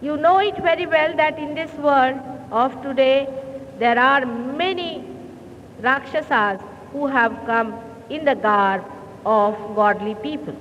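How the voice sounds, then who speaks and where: A woman with a high voice preaches in slow, deliberate phrases and pauses now and then to clear her throat. Her voice reaches the microphone in a large hall with a long ring of reverb. The old 1970s recording sounds muffled and carries a faint hiss. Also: a bit bright. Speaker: spiritual teacher. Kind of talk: sermon. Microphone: speaking into a hall microphone.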